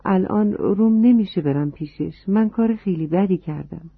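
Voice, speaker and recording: A narrator voicing a small, remorseful girl in a children's story, speaking in a higher, pleading way. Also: gravelly, breathy edge. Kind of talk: storybook reading. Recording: dry, tinny phone-like sound.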